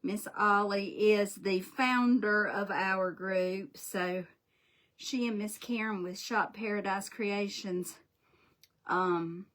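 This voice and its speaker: A woman with a drawl hosts a home craft livestream, rambling in a folksy, friendly way as she paints. Her voice is bright and forward, picked up close by a desk mic in a small craft room. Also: lowish voice. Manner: chatty, folksy, greets viewers by name. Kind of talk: casual livestream chat while painting.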